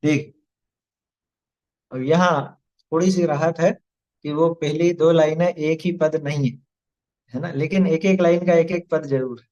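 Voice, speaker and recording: High-voiced man teaching hymn pronunciation. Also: fairly even intonation, a little mellow. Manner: chants Sanskrit verses slowly, then explains each word patiently. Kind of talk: verse-by-verse recitation and pronunciation lesson. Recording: slightly dull lo-fi recording.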